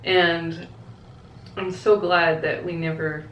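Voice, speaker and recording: Lower-voiced woman vlogger in an echoey room. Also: level tone, slow, a bit bright, dull audio, a little hiss or hum. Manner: candid, reflective, conversational. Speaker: vlogger answering viewer questions. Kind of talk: casual chatty Q&A to camera. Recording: echoey, roomy sound.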